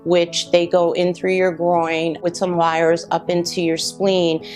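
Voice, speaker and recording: Reflective low-voiced woman survivor. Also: flat delivery. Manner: reflective, halting, many pauses. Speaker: cancer survivor. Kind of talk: personal testimony. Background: soft guitar music.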